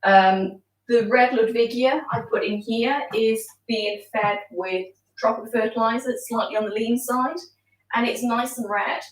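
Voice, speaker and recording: A woman's voice: on the high side, a little slow, echoey room, distant mic, poor audio. A woman chatting casually while planting an aquarium, explaining as she goes with frequent ums. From outside Denmark. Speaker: aquascaper.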